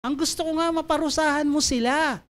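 A woman's voice: high-pitched, normal speed, voice pushed up, close to an everyday voice. A woman voicing a bitter, sulking male prophet in a resentful, complaining first-person retelling.

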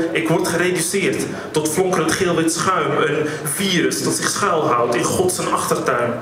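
A man performing his own rhyming spoken-word poems on stage at a poetry slam, recorded live in a venue hall. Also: a little high. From Netherlands. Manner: rhythmic, rhyming delivery. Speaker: slam poet. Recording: echoey hall, distant mic, background noise.

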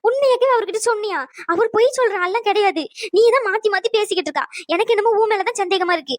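A woman's voice: very high voice, fast talker, no echo. Woman as impatient young wife, cartoon, snapping, dry close recording. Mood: angry. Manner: snapping, accusing. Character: sharp-tongued young wife, blunt and impatient. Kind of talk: cartoon voice acting.

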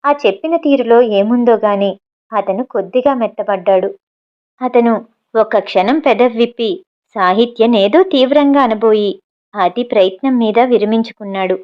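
A woman narrates a novel, reading every line herself. Her voice sits a little high, and the recording sounds somewhat dull and lo-fi. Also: moderate pace. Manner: reads all figures in her own voice with light shifts. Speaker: audiobook narrator.

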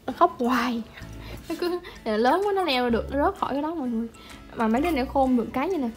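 A woman chats at home in a somewhat high voice, doting and chatty, slipping into baby talk. Music plays clearly under her voice. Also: expressive, fast. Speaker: pet vlogger. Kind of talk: casual vlog narration.

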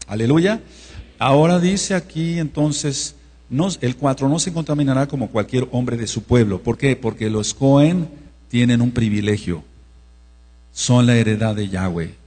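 A man from Mexico giving a teaching sermon as pastor, who checks in with the congregation and slowly spells out words. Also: medium pitch, a little mellow. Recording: reverberant hall with mains hum.

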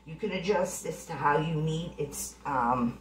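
Cooking casually at home for her channel, a middle-aged woman chats through a recipe step by step in a homey way, her low voice moving a little slowly. The sound comes from a counter-mounted camera in an echoey kitchen, with faint clanking pots and some background noise.

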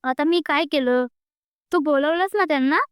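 Woman doing easygoing teasing man, soothing, high pitch, dry. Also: moderate pace, no echo, lightly acted. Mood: coaxing.

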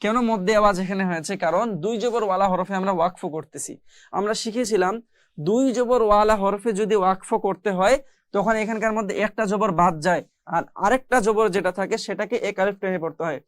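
A recitation teacher gives a step-by-step lesson, pausing to demonstrate by chanting long, held-out syllables. The voice is smooth and resonant, recorded close in a dry space with no room sound. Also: medium pitch, dry recording. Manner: explains rules slowly, then chants drawn-out Arabic syllables.

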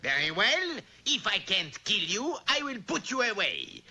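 Shrill cartoon villain. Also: male voice, big pitch swings, measured pace, sharp tone, exaggerated voice. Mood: menacing. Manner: theatrical, indignant. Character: pompous, hot-tempered French cartoon villain. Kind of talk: vintage animated cartoon acting.

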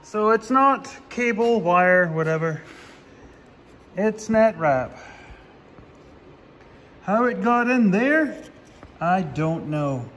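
A farmer narrates a casual how-to vlog while doing his own repairs in a farm workshop, the sound like a large hall. His voice is high-pitched, expressive and a bit bright, and he speaks extremely slowly with long pauses. He's plainspoken, with dry, sarcastic humor.

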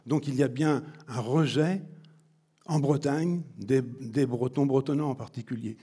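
A man who is an author speaking at a public talk, halting and restarting mid-phrase. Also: mid-range voice, dark tone, breathy edge.

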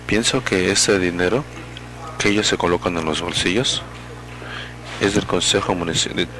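At a public meeting, a man with a very deep voice serves as a simultaneous interpreter. He speaks in halting bits and frequently corrects himself partway through a phrase. The audio quality is poor.

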